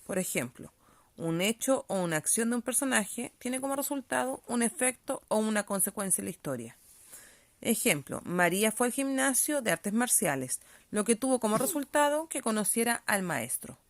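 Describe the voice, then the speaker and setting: A woman's voice: on the high side, sing-song, normal speed, dry recording. A woman teacher giving a reading-comprehension lesson, explaining patiently and often checking that pupils follow.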